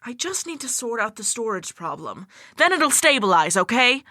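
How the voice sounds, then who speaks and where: A woman's voice: on the high side, big pitch swings, normal speed, bright, forceful tone, no echo, clean studio sound. A woman voicing a scheming female alien disguised as a teacher, bossy and commanding. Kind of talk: amateur audio drama.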